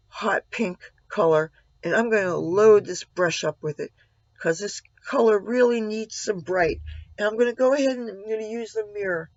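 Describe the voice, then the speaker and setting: A man with a slightly gravelly voice giving a casual makeup tutorial, narrating each step and adding candid asides. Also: high voice, a bit bright, no room sound. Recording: dull, lo-fi sound.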